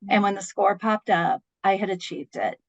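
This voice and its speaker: A woman in her fifties, a podcast guest, telling a personal story in an earnest, expressive way, laughing between lines. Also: mid-range voice, moderate pace, vocal fry, no room sound, highs cut off.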